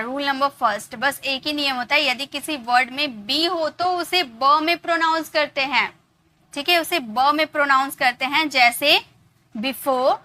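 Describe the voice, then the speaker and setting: A woman's voice: high voice, bright, forceful tone. A woman with an Indian accent teaching English reading rules, repeating words and asking questions as she drills them. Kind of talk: spoken classroom lesson.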